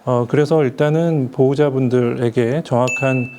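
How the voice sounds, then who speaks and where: Mellow-voiced male doctor, hesitant. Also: mid-range voice, steady tone, moderate pace, slight background noise. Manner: hesitant, frequent "uh" fillers. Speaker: ENT doctor panelist. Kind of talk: panel discussion.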